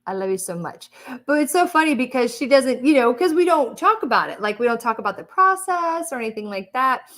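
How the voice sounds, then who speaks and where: A woman's voice: high-pitched, expressive, fairly quick, a bit bright. A chatty woman hosting a casual livestream, laughing often and reading viewer comments. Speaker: livestream host.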